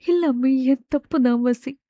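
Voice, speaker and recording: A woman's voice: on the high side, normal speed, warm tone, no echo, clean studio sound, close to an everyday voice. Woman voicing a tearful, remorseful young woman. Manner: pleading, tearful. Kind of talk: audiobook character voice.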